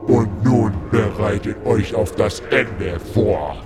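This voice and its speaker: Slow, menacing undead orc shaman. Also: on the low side, gravelly. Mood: grim menace. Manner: slow, menacing, grandiose, mocking. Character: ancient undead orc shaman, scornful ceremonial high priest. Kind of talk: dramatic audio story acting. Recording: loud music under the voice.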